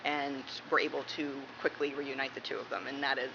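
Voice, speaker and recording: Her voice is very deep with little pitch movement, and she talks a little fast. She's a Massachusetts police dispatcher, from the United States, answering questions in a relaxed interview, captured on a muffled, noticeably noisy room recording.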